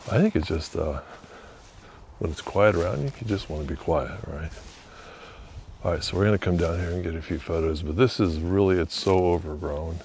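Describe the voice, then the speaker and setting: A man vlogging as he walks outdoors beside a river under an old bridge, musing quietly and thinking aloud with fillers. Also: low-pitched, moderate pace, a little hiss or hum. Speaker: vlogger exploring historic sites. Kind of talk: casual walking narration.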